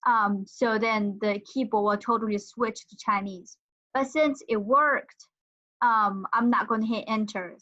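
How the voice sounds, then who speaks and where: A woman's voice: on the high side, unhurried, sharp tone. A woman giving a casual tutorial demonstration, thinking aloud with some hesitation. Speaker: instructor. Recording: dull lo-fi audio.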